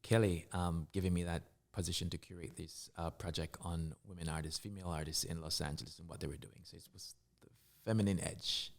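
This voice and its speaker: Man, very deep voice, middle-aged, interview guest, reflective, halting restarts. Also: steady tone. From Jamaica. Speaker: guest artist and curator. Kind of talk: casual interview conversation.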